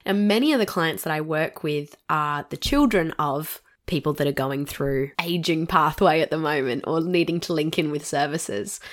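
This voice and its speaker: A woman's voice: low-pitched, normal speed, few pauses. A woman in her thirties with an Australian accent and a nasal voice from a cold, hosting a casual solo podcast with a chatty manner and little laughs between phrases. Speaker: podcast host.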